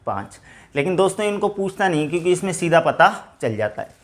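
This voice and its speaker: With big swings in pitch and a brisk delivery, this male teacher works through grammar for an exam. He keeps calling the students friends, and whenever he answers his own rhetorical questions, his voice sinks lower and softer.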